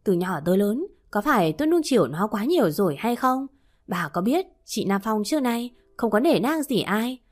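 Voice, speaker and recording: A woman's voice: on the high side, very animated, moderate pace. A woman voicing a short-tempered middle-aged father who scolds his family. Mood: scolding. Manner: scolding, gruff.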